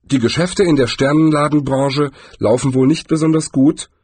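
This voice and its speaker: A man's voice: mid-range voice, lively intonation, measured pace, slightly rough, dry recording, pitched above the performer's own voice. A man reading aloud, voicing a nervous, flustered male wizard in a slightly raised voice.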